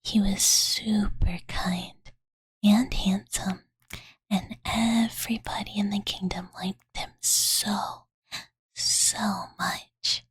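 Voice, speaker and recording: In gentle storytelling fashion, a woman whispers a bedtime tale as a doting, playful dragon girl, soft and breathy at a slow pace and medium pitch with fairly even intonation. Her ASMR roleplay is full of ditzy valley-girl filler and cutesy third-person self-reference, recorded close on a Blue Yeti condenser with no room sound.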